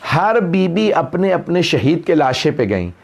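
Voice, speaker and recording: A middle-aged male cleric delivers a mourning sermon in a high, tense voice. He tells the story with passion, and his delivery swells into wailing cries in the quoted lines. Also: sing-song, unhurried, gravelly. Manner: impassioned, rising to wailing peaks in quoted lines. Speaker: Shia cleric reciting majlis.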